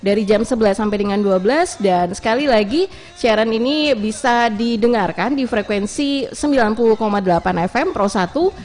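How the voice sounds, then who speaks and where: A woman hosting a radio program, giving brisk acknowledgements and announcements. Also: fairly high pitch, darkish tone. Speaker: radio host.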